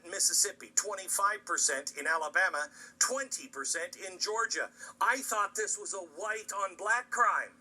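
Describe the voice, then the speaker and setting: An American man with a husky voice presenting opinionated commentary, emphatic and sarcastic, with dramatic pauses and rhetorical questions. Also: fairly high pitch, bright, forceful tone, far from the mic, rough recording. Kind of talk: opinionated commentary to an audience, part scripted, part ad-libbed.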